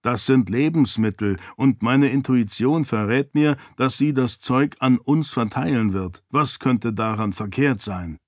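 Male reader as a matter-of-fact farmer sidekick, mid pitch, dry. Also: unhurried, few pauses, dry recording, natural voice. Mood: skeptical.

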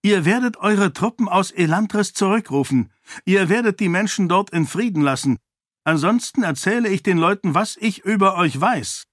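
A man's voice: sits high, animated, moderate pace, no room sound, studio quality, voice pushed up. A man doing a fierce, commanding princess. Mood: cold, threatening. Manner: sharp, cold, commanding. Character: fierce, strong-willed young princess, woman.

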